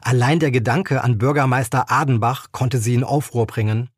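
A man, an author, reading his own crime novel aloud in a measured, expressive way. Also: medium pitch, breathy edge, no room sound, clean studio sound.

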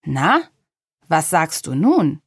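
A woman's voice: low-pitched, sing-song, takes it slowly, slightly rough, no echo, studio quality, exaggerated voice. Woman doing a grumpy little apple man. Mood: grim. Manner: growling, grim.

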